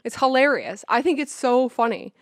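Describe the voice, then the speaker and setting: A woman co-hosting a podcast in casual chat, excitable, laughing often and swearing freely. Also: high-pitched, normal speed, no room sound, studio quality. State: sweating in a costume. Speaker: podcast co-host.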